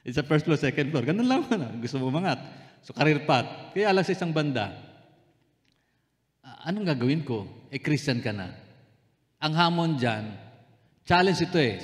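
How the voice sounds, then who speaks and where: Filipino pastor preaching in a reverberant hall. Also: male voice, medium pitch. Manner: conversational, joking with the congregation, calling out to them. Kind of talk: sermon. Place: church hall. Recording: long reverb in a church hall.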